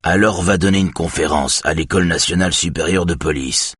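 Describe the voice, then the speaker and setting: A man voicing a calm, firm male police chief who talks down to a colleague in an audiobook. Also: low voice, fairly quick, breathy edge, no room sound, clean studio sound. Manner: calm and condescending.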